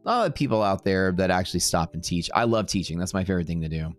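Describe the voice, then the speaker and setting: Casual male stream host, very low voice, chatty and digressive, soft music bed. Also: expressive, quick pace. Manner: rambling, talkative, laughs often. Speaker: live trading stream host. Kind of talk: casual live-stream chat.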